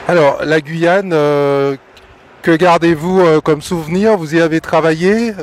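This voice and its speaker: A man hosting a radio interview, asking questions in a halting way with many fillers. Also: a little high.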